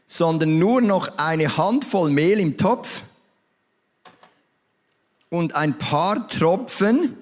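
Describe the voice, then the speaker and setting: A man voicing a weary, despairing widow. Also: fairly high pitch. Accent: Swiss German. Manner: slow, solemn, emphatic. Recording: reverberant church hall.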